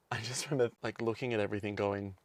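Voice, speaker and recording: A man's voice: on the low side, fairly even intonation, brisk, no echo. A young man co-hosting a podcast, chatting casually and rambling, laughing often. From Australia. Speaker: podcast co-host. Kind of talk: casual chat.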